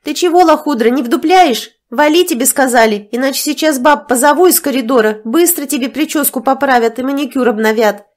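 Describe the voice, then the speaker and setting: A brash middle-aged village woman barks orders in a raised, high voice, as a woman narrator puts her on. She is rough and crude. This comes from an audiobook reading. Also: normal speed, a little mellow, natural voice. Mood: bossy.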